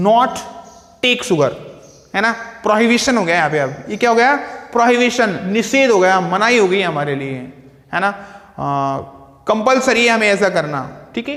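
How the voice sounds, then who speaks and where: High-voiced male teacher in an echoey room. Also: a bit bright. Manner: asks rhetorical questions and answers them himself; repeats key terms with simple synonyms. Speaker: English grammar teacher. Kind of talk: explaining grammar to students. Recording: echoey room with long reverb.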